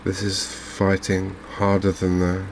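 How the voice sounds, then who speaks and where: A game streamer delivers gentle ASMR-style commentary in a low, gravelly murmur aimed mostly at himself. His speech is unhurried and very even, as if thinking aloud, with faint noise in the background.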